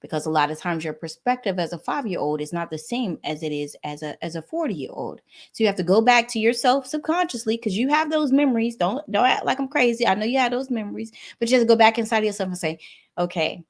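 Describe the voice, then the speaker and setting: A woman's voice: on the high side, lively intonation, fast. A woman in her thirties, a guest on a talk show, speaking earnestly and with animation, addressing the audience directly. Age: 30s. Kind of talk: casual talk on wellness.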